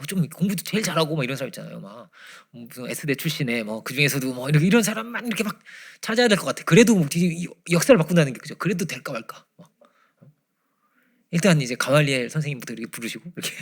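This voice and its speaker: A man preaching a Friday prayer-meeting sermon, swinging from loud emphasis to hushed near-whispers. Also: on the high side, lively intonation, quick pace. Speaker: pastor. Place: church.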